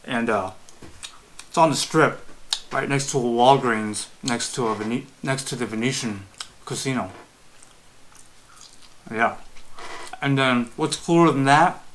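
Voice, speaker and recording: Hyped-up chatty man, bright voice. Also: medium pitch, measured pace, pauses often, slight background noise. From Illinois. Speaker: vlogger. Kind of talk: casual mukbang vlog. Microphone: external mic close to camera.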